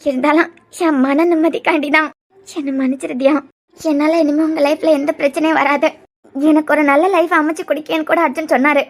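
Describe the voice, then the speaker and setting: A woman's voice: high-pitched, level tone, a little fast. A woman voicing a remorseful, lonely young woman in a cartoon, with a Kanyakumari Tamil accent and a pleading, confessional way of talking.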